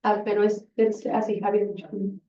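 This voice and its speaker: A woman's voice: mid-range voice, completely flat delivery, brisk, warm tone, slight background noise. A woman teaching a Spanish conjugation drill in a classroom, patient and encouraging and often praising answers. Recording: roomy, distant and dull classroom sound.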